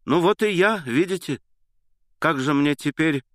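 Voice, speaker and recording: Excitable young guy, as a narrator puts him on, voice pitched up, gushing protests, dry audiobook sound. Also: unhurried, no echo. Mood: excited pleading. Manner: eager, breathless protesting. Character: excitable, earnest young man pleading innocence.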